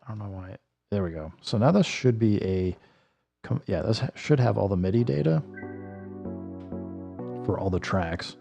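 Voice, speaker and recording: A man streams himself building a track, a music producer thinking aloud and correcting himself in a casual walkthrough, his voice a little worn as he slightly loses it. His warm, lowish voice has lively intonation, vocal fry, normal speed and frequent pauses, with music behind.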